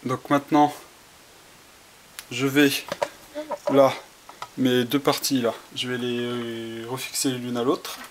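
A man's voice: mid-range voice, little pitch movement, slow, pauses often. Hesitant man demoing a repair. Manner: hesitant, many fillers and restarts while working with his hands. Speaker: tutorial presenter. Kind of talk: casual how-to demonstration. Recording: faint hiss, home camera audio.

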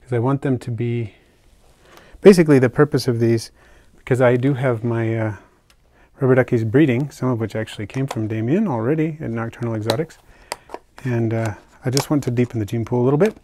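An older man casually narrating a hobby vlog as he unpacks and shows his isopod purchases, talking in a relaxed, chatty way with fillers and soft asides. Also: mid-range voice, brisk, a little hiss or hum. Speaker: isopod keeper unboxing purchases. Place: indoors at a table, hands on camera.

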